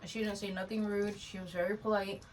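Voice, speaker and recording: On a podcast she co-hosts, a woman in her twenties talks bluntly and slangily, dropping "dude" and "bro" into casual chat. Her delivery is flat, medium in pitch, and a little fast. The mic sits at a distance, with faint noise.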